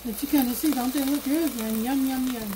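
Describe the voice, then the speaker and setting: This home cook vlogger has a high voice and talks briskly over background noise, chatting warmly as she guides viewers through a dish in her kitchen. It's a casual cook-along recorded on the phone camera she holds while cooking.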